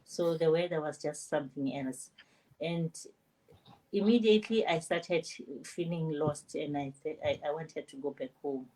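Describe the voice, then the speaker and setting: An older woman from South Africa, a nurse and grandmother, telling her story with lively animation on an online panel. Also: sits low, moderate pace, low-quality recording. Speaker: panel guest.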